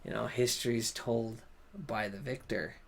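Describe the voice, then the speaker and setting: Gravelly-voiced man on a podcast. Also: mid-range voice, steady tone, a little slow, a little hiss or hum. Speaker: podcast co-host. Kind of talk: casual chat.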